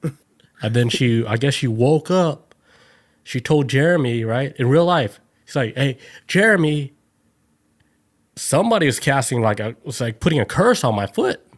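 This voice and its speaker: A man's voice: mid-range voice, animated, moderate pace. A man co-hosting a podcast, telling a story in casual chat, full of "like" and acted-out voices. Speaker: podcast co-host.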